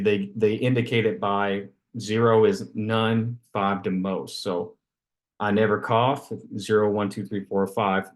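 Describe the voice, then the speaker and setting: A man's voice: lowish voice, a little mellow. A man giving an unscripted lecture. He explains with everyday examples and often restarts his sentences. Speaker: respiratory care lecturer.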